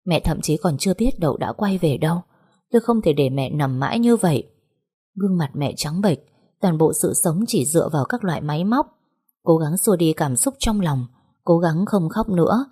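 Low husky woman reading a sad story. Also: expressive, normal speed, mellow. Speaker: audiobook narrator. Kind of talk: first-person scripted story narration.

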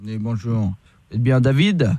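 A man, a radio host, playing a gruff, insulting police commissioner in a prank phone call, barking short orders. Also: mid-range voice, expressive, a little slow, dark tone, no echo, pitched below the performer's own voice. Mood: bossy. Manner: bossy, rude, scolding, barking short commands.

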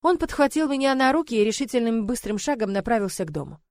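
A woman narrating a first-person novel in an emotional, measured way. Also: fairly high pitch, very animated, a little mellow, dry recording. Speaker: audiobook narrator.

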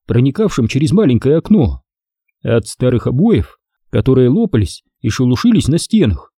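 Warm, expressive man reading a story. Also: mid-range voice, husky, no room sound, clean studio sound. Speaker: audiobook narrator. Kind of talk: storybook narration.

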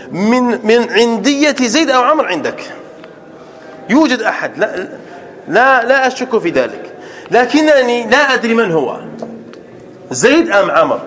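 High-voiced man teaching a grammar lesson. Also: fairly bright tone, long reverb tail. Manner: checks on students with frequent rhetorical questions; repeats example sentences slowly and breaks them into words. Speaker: sheikh teaching Arabic grammar.

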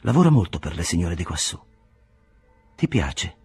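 A man reading aloud voices a mocking young foreign woman with a slightly veiled, pleasantly hoarse voice, in a storybook reading. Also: sits low, very animated, moderate pace, darkish tone, exaggerated voice. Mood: teasing. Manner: mocking, playful.

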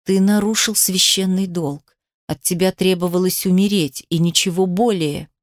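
A woman voicing a young man who speaks in a flat, cold, clipped tone to the father who betrayed him. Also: lowish voice, moderate pace, dry recording, studio quality, lightly acted. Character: young man, cold, contemptuous, grief-stricken son.

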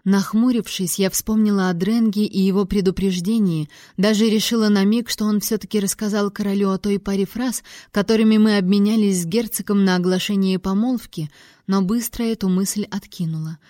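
An audiobook narrator, a woman with a mid-range voice, reads a first-person novel in a measured, even storytelling manner. The studio sound is clean, with no room sound.

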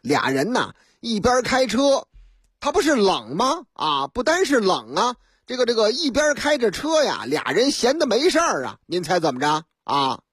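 Husky Beijing woman telling a comic tale. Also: on the high side, big pitch swings, normal speed, no room sound, clean studio sound. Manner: chatty, playful asides to the listener. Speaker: radio storyteller. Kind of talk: comic storytelling. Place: radio studio.

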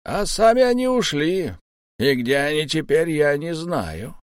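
A man voicing a sly, smooth-talking old pirate captain whose mock friendliness hides a threat, in an audiobook. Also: fairly high pitch, sing-song, unhurried, no room sound, clean studio sound, pitched above the performer's own voice. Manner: mock-friendly, coaxing, menacing underneath.

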